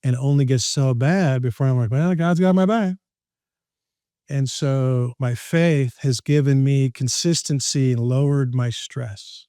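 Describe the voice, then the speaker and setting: Male motivational speaker as podcast guest: mid-pitched, animated, quick to joke, close and dry. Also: dry recording. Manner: lively, jokey, laughs at his own lines. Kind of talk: animated storytelling in conversation.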